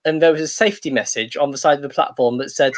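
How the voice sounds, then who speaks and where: A man doing a stand-up comedy set, hesitant and rambling, with many pauses and restarts. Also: a little high.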